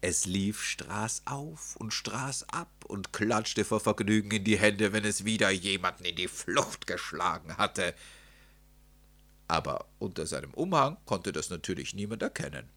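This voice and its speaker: A man narrating a children's story in an expressive, dramatic way. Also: low-pitched. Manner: expressive, dramatic rises and drops.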